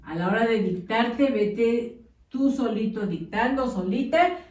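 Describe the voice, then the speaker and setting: Woman teacher, patient dictation for small kids, slightly high voice, echoey room, a bit off-mic. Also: unhurried, darkish tone, far from the mic. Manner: patient, coaxing, uses diminutives. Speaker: primary school teacher. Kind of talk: slow dictation lesson for young children.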